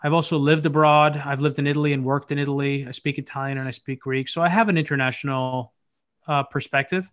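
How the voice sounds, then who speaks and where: A man's voice: mid-range voice, steady tone, fast, fairly bright tone. A man in a casual interview on a video call, talking his answers through thoughtfully with frequent restarts. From United States. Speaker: podcast host appearing as guest.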